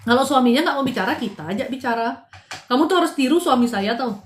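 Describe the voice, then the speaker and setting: A middle-aged woman with a high, bright voice counsels live-stream viewers in a casual, direct way. She scolds and teases by turns and mixes in an English phrase now and then. The sound is roomy, with a clear echo around her voice. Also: expressive, fast talker.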